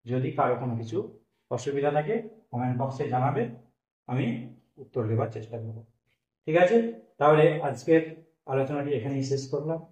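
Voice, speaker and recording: A man's voice: medium pitch, fairly quick, pauses often, darkish tone. A male teacher explains a grammar lesson step by step, asking questions and answering them himself. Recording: echoey room, mic at a distance.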